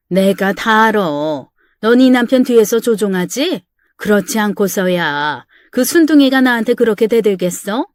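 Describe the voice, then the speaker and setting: A woman's voice: a little high, no room sound, clean studio sound. A woman voicing a selfish, scolding middle-aged mother-in-law in a dramatized story reading. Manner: sharp, scolding, self-pitying.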